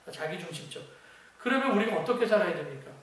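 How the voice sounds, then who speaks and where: A man's voice: high-pitched, very animated, fast, a bit bright. A male pastor preaching a midweek sermon in a conversational style, asking many rhetorical questions. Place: church sanctuary. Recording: very echoey church hall, distant mic.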